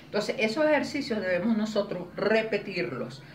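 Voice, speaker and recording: A woman instructor leads a public speaking workshop in an expressive, demonstrative way. Her voice sits at a moderate pitch and is heard from some distance. The room adds a noticeable echo, with faint ambience behind her. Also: moderate pace, slight background noise. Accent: Spanish. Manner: expressive, demonstrates vowels and intonation. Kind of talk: teaching a workshop.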